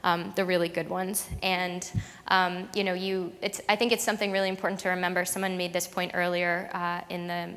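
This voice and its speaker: A woman's voice: fairly low pitch, flat delivery, brisk, a bit bright. A woman giving a conversational conference talk, with many fillers and restarts. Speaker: conference speaker. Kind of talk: presentation talk to an audience. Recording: long hall reverb.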